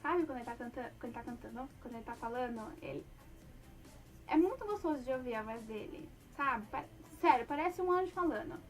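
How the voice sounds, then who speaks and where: A woman's voice: high-pitched, animated, a little fast, recorded from a distance, faint music behind. A young woman chatting casually as a fan, gushing and rambling with many fillers. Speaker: fan talking about a band. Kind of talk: casual chat.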